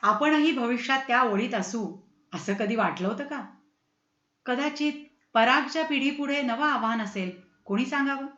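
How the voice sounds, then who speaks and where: A woman reading a short story aloud, giving each character an expressive voice of their own. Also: high-pitched, moderate pace. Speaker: story reader. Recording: roomy, dull lo-fi sound.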